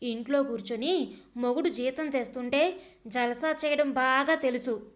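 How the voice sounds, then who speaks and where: A scornful husband who scolds and mocks his wife, read by a woman storyteller. The voice sits high and bitter, with a sneering edge on every line. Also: measured pace, fairly bright tone. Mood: mocking.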